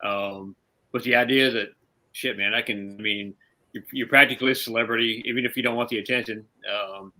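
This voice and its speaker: A man's voice: medium pitch, fairly even intonation, fairly quick, pushed and bright, poor audio. A man hosting a podcast, a former police officer speaking candidly and laid-back, with some swearing. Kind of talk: casual podcast conversation.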